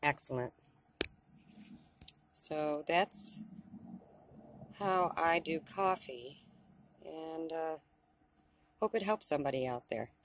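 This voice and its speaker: A woman's voice: deep voice, expressive, slow pace, long pauses, a little hiss or hum. A woman chatting casually in a how-to vlog from inside her van, with frequent ums and a self-deprecating manner. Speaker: van-life vlogger. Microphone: camera on a tripod.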